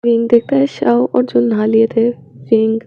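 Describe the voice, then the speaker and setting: Brief: female storyteller, raspy and gravelly, slightly high, reads all parts of a romance tale in a near-unchanged voice. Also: flat delivery, a little slow, no room sound. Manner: switches between narration and characters with little change of voice. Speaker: fan fiction reader. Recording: dull lo-fi home recording.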